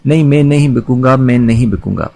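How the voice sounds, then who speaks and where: A man's voice: mid-range voice, vocal fry, darkish tone, natural voice. A man reading the part of an enslaved man who refuses to be sold, speaking with emphatic anguish.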